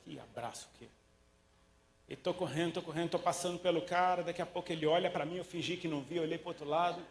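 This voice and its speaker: A Brazilian man preaches with a somewhat high, lively voice and tells stories in casual slang, acting out what his characters say. The sound rings in a roomy echo. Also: rapid-fire, a little hiss or hum. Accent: Brazilian Portuguese. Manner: animated storytelling, slangy, acts out quotes. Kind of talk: sermon.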